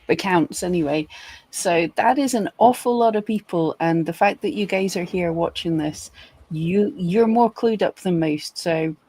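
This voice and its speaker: A Scottish woman co-hosts a live webinar with a lowish, husky voice. She chats casually, tosses in quick asides and laughs easily. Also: dark tone, low-quality recording. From Scotland. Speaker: webinar co-host.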